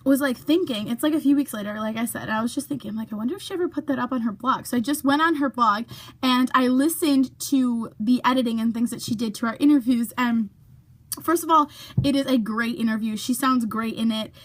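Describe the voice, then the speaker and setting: Speaking a little fast in a fairly high voice, a young woman vlogs casually to her camera. This YouTuber fills her talk with fillers and occasionally whispers her asides.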